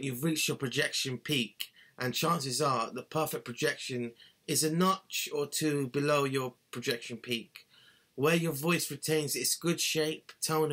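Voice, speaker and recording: Speaking into his webcam from a cramped, messy bedroom, this thirty-something singing tutor runs through a scripted lesson with a sharp tone and a mid-range voice. He's earnest and instructive, using both hands to gesture as he explains.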